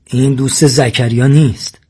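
A man voicing a hot-tempered, accusing village man in a storybook reading, with a husky voice. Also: mid-range voice, fairly even intonation, natural voice. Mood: tense. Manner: accusing, shouts at times.

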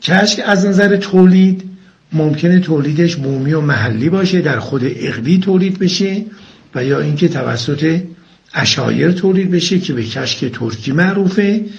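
A man from Iran calling in to explain local food lore, listing items in a slow, careful way. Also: fairly high pitch, vocal fry, highs cut off. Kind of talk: informative talk over a phone line.

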